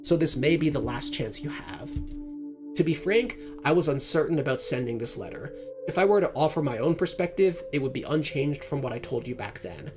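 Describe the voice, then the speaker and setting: Formal letter writer, regretful and polite, as a streamer reads it aloud; mid pitch, soft music under. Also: natural voice.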